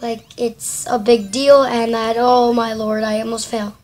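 A woman giving casual, excitable commentary while playing a mobile game, breaking into panicked shrieks when things go wrong. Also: a little high, a little slow.

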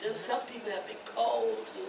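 An older woman pastor preaching a testimony sermon, rising to shouts and laughing. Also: mid-range voice, sing-song, a little fast, slight background noise. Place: church. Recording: echoey church from far off.

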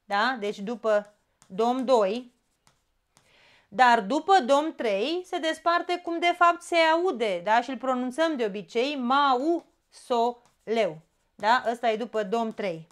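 Her voice runs on the high side as she, a woman with a Romanian accent, leads an exam-prep grammar lesson. She explains things step by step and keeps checking in with a brief "da?".

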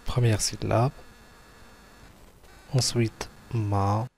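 A man's voice: fairly low pitch, little pitch movement, drawn-out words, creaky, darkish tone. A man teaching young children, going through written exercises and spelling out letters and syllables one by one. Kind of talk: slow classroom exercise walkthrough.

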